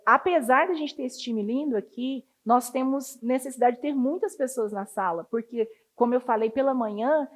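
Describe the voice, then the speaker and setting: A woman giving a casual training talk to children's ministry volunteers, chatty and full of anecdotes. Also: high-pitched. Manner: chatty, storytelling, acts out children's voices.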